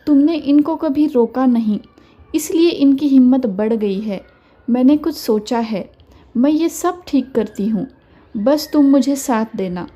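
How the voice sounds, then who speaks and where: A woman voicing an older mother-in-law who speaks gently and firmly, giving measured advice in an audio story. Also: high voice, dull audio. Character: older mother-in-law, calm, wise, quietly firm.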